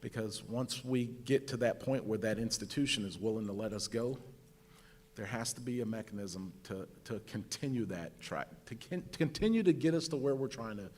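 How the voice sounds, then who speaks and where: A man's voice: on the low side, normal speed, a little mellow. A man speaking as a panelist at a public discussion. He talks in an earnest way, often repeats words and ends points with "right?". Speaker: panelist sharing lived experience.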